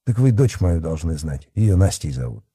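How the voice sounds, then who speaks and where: A stern officer who takes charge, as a man reads him. Slightly raised, clipped and authoritative, with a husky, darkly mellow tone. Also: low voice, big pitch swings, normal speed, no echo, studio quality, full character voice. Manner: stern, curt, commanding. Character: stern middle-aged police chief, calm authority.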